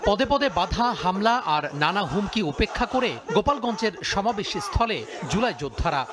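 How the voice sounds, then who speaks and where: A man reads a news report voice-over, steady and formal. His voice is pitched high. A crowd is clearly audible underneath.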